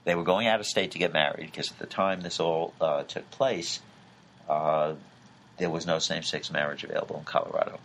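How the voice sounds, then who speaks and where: A middle-aged man explaining a court case in a measured way, with frequent filler sounds. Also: rumbling low, fairly even intonation, creaky, fairly bright tone, slight background noise, rough recording. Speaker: legal commentator. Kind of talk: conversational legal explanation.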